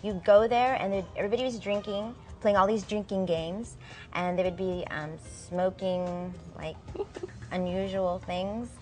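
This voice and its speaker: Soft background music plays while a friendly young woman from Southern California answers interview questions as a guest singer. She speaks at medium pitch with fairly even intonation and a measured pace, her casual chat sprinkled with many "likes" and "ums."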